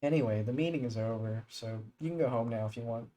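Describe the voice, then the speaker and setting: A man reading as a gentle teen club president. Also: medium pitch, fast talker, lightly acted, poor audio. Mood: calm. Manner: gentle, apologetic, read aloud from screen. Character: soft-spoken teenage girl club president, apologetic.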